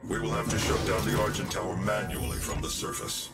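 Brief: very low-voiced male cyborg scientist from a video game, formal and measured, echoey. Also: huge pitch swings. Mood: grave. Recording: echoey game audio under loud music.

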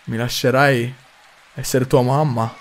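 A man's voice: mid-range voice, level tone, unhurried, noisy background, close to an everyday voice. A man reading aloud the lines of an eerie ghostly mother who longs for a child, in a clingy, pleading way, while playing a horror game.

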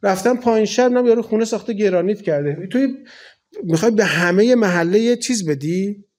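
A man's voice: high voice, a little mellow. A man in his forties from Iran, a cleric giving a colloquial, conversational sermon full of rhetorical questions. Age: 40s.

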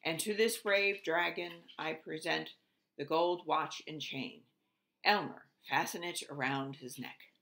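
A woman's voice: deep voice, measured pace, gravelly, a bit bright, heavily acted, poor audio. A woman voicing a small, pompous, greedy bird king in a children's storybook reading. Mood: solemn. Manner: pompous, proclaiming.

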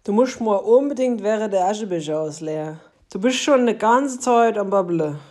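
A woman with a Hessian accent reads colloquial example sentences in a scolding tone. Her voice has an ordinary pitch. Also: expressive, moderate pace, a little mellow. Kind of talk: reading dialect example sentences.

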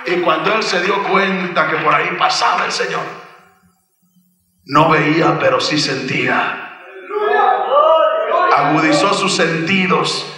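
A man preaching a sermon at a men's retreat, slowly retelling a story and breaking into loud shouted cries. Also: on the high side, music in the background. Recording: echoey hall from far off, congregation.

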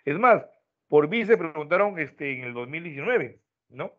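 A man teaching an online class, explaining step by step and ending his points with quick checks to his students. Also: on the high side, expressive. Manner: explains step by step, tags lines with "¿no?". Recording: tinny phone-like online audio.

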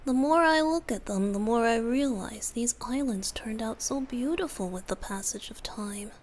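Voicing a youthful male bard of the wind for a romantic ASMR roleplay, a woman keeps her tone gentle, teasing and frequently breathy. The pitch is fairly high, the speed normal, and the lightly acted delivery carries a fond, wistful mood.

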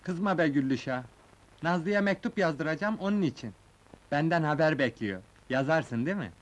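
An actor playing a naive, simple-minded young village man in a 1970s film comedy, talking in a rustic, artless, halting way. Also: on the high side, lively intonation, natural voice, low-quality recording. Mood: earnest. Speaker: comic lead.

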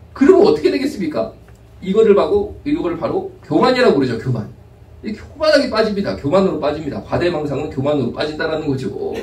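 A male pastor delivers a storytelling sermon, acting out the people in his anecdotes. His voice sits somewhat high. It echoes around the sanctuary and sounds distant from the microphone. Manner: lively anecdotal preaching with acted quotes. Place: church sanctuary. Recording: echoey room, mic from a distance.

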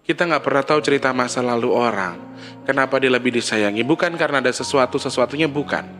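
A man's voice: mid-range voice, quick pace, a bit bright, soft background music. A man speaking casually to his listeners, giving preachy, scolding life advice and firing questions at them.

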